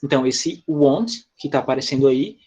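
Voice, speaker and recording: Medium in pitch and darkish in tone, his voice moves at a moderate pace. The man teaches English with a Brazilian Portuguese accent, patiently explaining grammar one step at a time during an online video-call class and frequently saying "tá?" and "né?".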